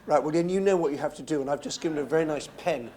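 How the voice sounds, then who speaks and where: A man's voice: on the high side, warm tone. A man chairing a live book event in an auditorium, moving questions along and wrapping up with jovial remarks. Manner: brisk, jovial when wrapping up.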